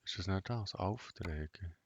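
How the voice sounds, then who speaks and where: A man with a Bernese Swiss German accent giving casual let's play commentary in a flat, monotone way, half talking to himself. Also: low voice, slow, breathy edge, no room sound, lo-fi sound. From Switzerland. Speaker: gaming video host. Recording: noisy, vehicle engine and clicking behind. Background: truck game engine sounds and clicks.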